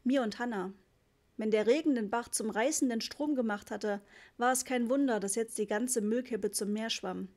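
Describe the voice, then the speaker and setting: A woman narrating a children's audiobook in a lively storytelling manner. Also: fairly high pitch, normal speed. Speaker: audiobook reader.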